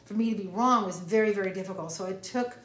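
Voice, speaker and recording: A woman's voice: medium pitch, quick pace. A woman co-hosting a casual advice chat, speaking reflectively and drawing on her own experience. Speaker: podcast co-host. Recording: roomy echo.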